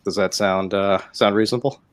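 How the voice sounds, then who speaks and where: A man playing in a tabletop game, talking haltingly with many fillers. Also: on the low side, fairly even intonation, clean tone. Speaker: player. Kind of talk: casual game talk.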